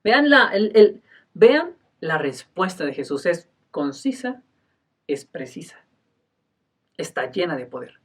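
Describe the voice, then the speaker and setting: A male pastor giving a sermon, emphatic, moving between loud and soft delivery and often clearing his throat. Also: fairly high pitch, sing-song, takes it slowly, pauses often, far from the mic.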